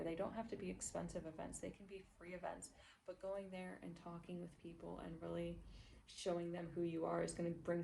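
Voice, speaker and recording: A woman with a low, gravelly voice reads tarot cards for her viewers. She is gentle and encouraging and keeps checking in with them. She sits a little far from the mic, with a faint hum of noise in the background. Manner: gentle, encouraging, checks in with "okay?" and "all right?". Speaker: tarot reader. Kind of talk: intuitive card reading for viewers.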